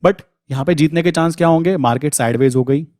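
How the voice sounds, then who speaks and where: A man's voice: on the high side, fast, a little mellow, no room sound. Chatty man teaching trading, dry sound. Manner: conversational, addresses viewers as brother, frequent "thik". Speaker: trading educator. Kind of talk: casual screen-share trading lesson.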